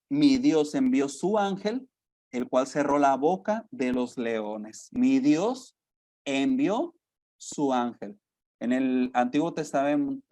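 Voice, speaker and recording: A man's voice: mid-range voice, darkish tone, dry recording. A man with a Mexican Spanish accent preaching an earnest sermon to a men's group, calling them brothers and asking rhetorical questions. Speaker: missionary preacher.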